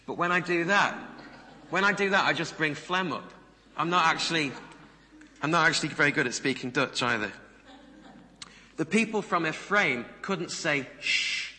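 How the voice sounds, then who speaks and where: A preacher delivers a conversational sermon to a congregation, putting questions to his listeners. His voice is a little high, pushed, and bright, and the recording has the reverberant sound of a large hall.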